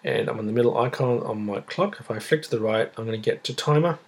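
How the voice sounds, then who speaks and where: Man, slightly husky, casual tutorial presenter, unhurried, step-by-step explanations. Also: medium pitch. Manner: unhurried, explanatory, narrating each action. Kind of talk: step-by-step spoken demonstration, casual.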